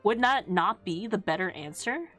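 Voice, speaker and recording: A woman's voice: mid-range voice, animated, moderate pace, a bit bright, soft background music. A woman chatting casually on a livestream in a cute, playful anime-streamer manner, rambling and giggly. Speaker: VTuber streamer. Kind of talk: casual livestream chat with viewers.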